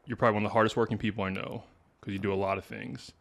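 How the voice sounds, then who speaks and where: A man's voice: lowish voice, steady tone, racing, vocal fry, fairly bright tone. A man hosting a podcast, chatting casually and teasingly with his guest, often tagging his sentences with a question. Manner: chatty, teasing, tags lines with "right?". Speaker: podcast host.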